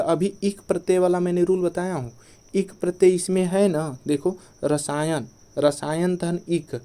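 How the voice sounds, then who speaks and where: A male teacher gives an exam-prep grammar lesson in a slightly high but mellow, warm voice. He drills his points by asking a question and answering it himself, over and over. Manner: repeats each point as a quiz question, then answers it. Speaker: Hindi teacher.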